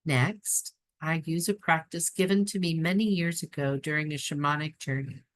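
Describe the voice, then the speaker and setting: A woman with a notably low voice reads aloud from a spiritual book. Her delivery is calm and unhurried, and she breaks in now and then with casual, chatty asides.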